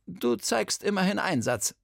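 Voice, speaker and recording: A man voicing a brisk, no-nonsense retired old woman detective in a storybook reading. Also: high-pitched, big pitch swings, gravelly, no room sound, studio quality, voice pushed up, full character voice. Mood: wry. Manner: sharp, no-nonsense.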